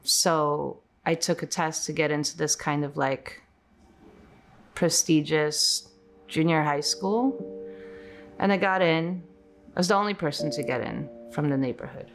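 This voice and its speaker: Speaking in a low, creaky voice, a woman from Poland in her forties reminisces casually about her childhood for a documentary interview, filling her speech with many fillers.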